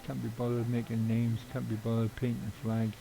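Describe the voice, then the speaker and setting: Middle-aged streamer, mellow tone, rambling and offhand, swears casually. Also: male voice, mid-range voice, completely flat delivery, normal speed, vocal fry, poor audio. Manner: rambling, swears casually, chuckles at own jokes. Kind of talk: casual live-stream chat while gaming.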